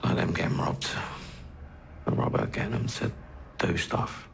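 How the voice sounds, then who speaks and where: An actor playing a guarded young male drug dealer in a police interview, speaking flatly. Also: low voice, measured pace, vocal fry, slight background noise. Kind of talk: TV crime drama acting.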